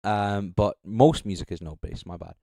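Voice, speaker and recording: Young man, low-pitched, dry close sound, casual streamer, rambling, swearing, self-correcting. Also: fairly even intonation, moderate pace, gravelly, dark tone, dry recording. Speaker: streamer judging beatbox entries. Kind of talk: casual live-stream commentary.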